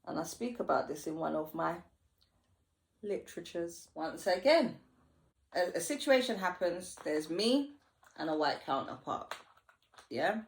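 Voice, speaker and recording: Woman, storytime vlog, slangy and lively, lowish voice. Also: a little slow, long pauses. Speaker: vlogger. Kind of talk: storytime while getting ready. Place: home.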